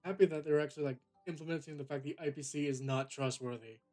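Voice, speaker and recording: A man's voice: on the high side, fairly even intonation, quick pace, darkish tone, soft background music. A man streaming a game from home, joking and bluntly cursing as he comments. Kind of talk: casual gameplay commentary.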